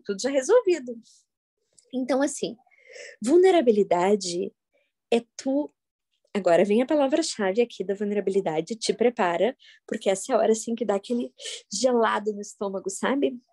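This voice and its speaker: Animated woman storyteller. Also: slightly rough. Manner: animated, jokey storytelling with sudden loud high bursts. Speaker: workshop facilitator. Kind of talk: live talk to an audience.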